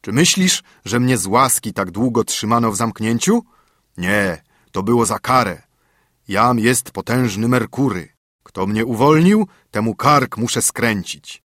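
A man voicing a booming giant bottle spirit. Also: fairly bright tone, no room sound, studio quality. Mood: menacing. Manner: slow, booming and threatening. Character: huge menacing male bottle spirit, haughty. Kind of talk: storybook narration.

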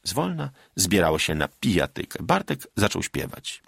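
A man reading a classic story aloud in a measured, expressive narrating voice. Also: low voice, creaky, slightly rough, no echo, clean studio sound. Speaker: audiobook narrator. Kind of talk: scripted literary narration.

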